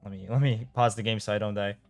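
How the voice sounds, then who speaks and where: Fast and steady in tone, a young Romanian streamer's lowish voice comes through with no room sound. He chats easily with his live audience while playing, reads chat aloud, and sometimes trips over his words, speaking with a Romanian accent.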